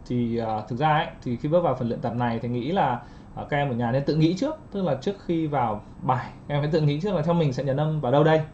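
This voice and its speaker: A man teaching English pronunciation in an online lesson, patiently repeating phrases slowly to drill word stress. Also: a little high, a little mellow, dull audio, slight background noise.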